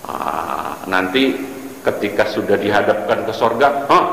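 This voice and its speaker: A man's voice: on the low side, a little slow, gravelly. A man teaching a religious book study, joking and quizzing his audience as he goes. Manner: jokey, animated, quizzes the audience. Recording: echoey hall with light ambient noise.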